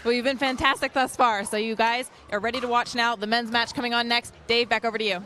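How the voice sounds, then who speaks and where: A woman's voice: a little high, steady tone, fast, pushed and bright, soft background music. A woman working as a sideline reporter, asking players friendly questions courtside. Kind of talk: courtside interview.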